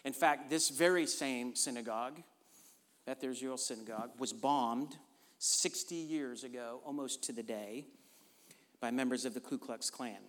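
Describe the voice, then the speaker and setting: A pastor with a medium-pitched voice preaches a sermon at normal speed, emphatic yet conversational, often checking in with the congregation. The recording carries the long reverb of a large hall.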